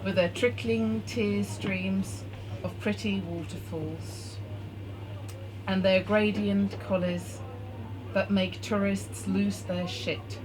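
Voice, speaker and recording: Woman, spoken-word poet reading slowly from her phone; noisy live bar recording. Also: medium pitch, steady tone. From Norway. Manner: reads her poem from a phone, measured and deliberate. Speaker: performing poet. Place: bar hosting a poetry night.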